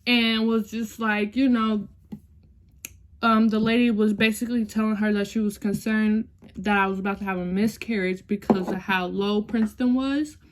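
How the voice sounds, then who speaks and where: This vlogger is a young adult woman speaking at a moderate pace in a mid-range voice with fairly even intonation. Chatting casually, she recounts something emotional from her own life, calling her viewers y'all and at times close to tears.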